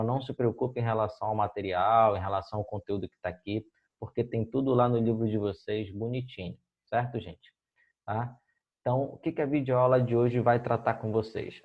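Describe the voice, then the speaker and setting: A man's voice: on the low side, muffled recording. A Brazilian man teaching Spanish in a recorded video lesson, explaining patiently and checking in with his students after almost every phrase. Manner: explains patiently, ends phrases with "tá?" and "beleza, gente?".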